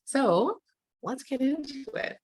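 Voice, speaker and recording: A young adult woman teaching an online nutrition master class, warm and affirming, with casual filler words. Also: sits high, lively intonation, takes it slowly, vocal fry, no room sound. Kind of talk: live webinar teaching, reading chat comments.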